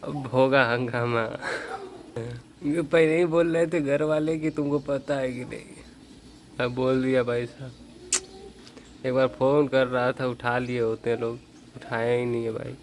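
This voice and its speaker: With a completely flat delivery, this mid-range male voice is a little mellow and moves at a moderate pace over slight background noise. He's a young vlogger from northern India, talking casually to camera in farm fields and afterward at home. He sounds rueful and self-mocking, chatting away with lots of "bhai sahab" and calling viewers "brother."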